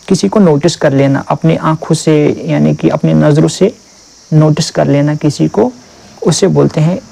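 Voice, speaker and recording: A man teaching exam vocabulary, reading English definitions slowly and drilling each term with repeated questions. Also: on the high side, gravelly, mellow, low-quality recording.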